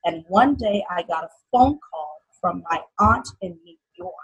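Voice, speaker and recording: A young woman from Haiti, a guest telling her life story in an interview in an earnest, halting way. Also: medium pitch, animated, husky, lo-fi sound.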